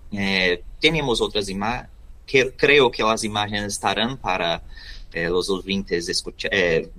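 A man from Brazil with a Brazilian Portuguese accent, a non-native speaker answering interview questions haltingly and searching for words. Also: fairly low pitch, sharp tone. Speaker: interview guest, volunteer youth radio host.

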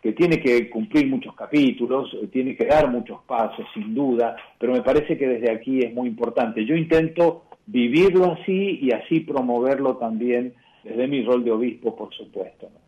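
Speaking with an Argentine Spanish accent, a bishop answers questions in a radio interview. His medium-pitched voice is measured and reflective, and he often pauses and restarts. The audio has its high frequencies cut off.

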